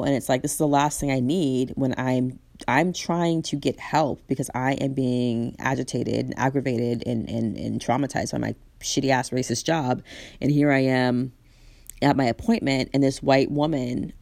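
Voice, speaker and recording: A woman's voice: very deep voice, vocal fry, a little mellow. A woman giving a candid personal account in an interview, blunt and emphatic, swearing freely and often restarting her sentences.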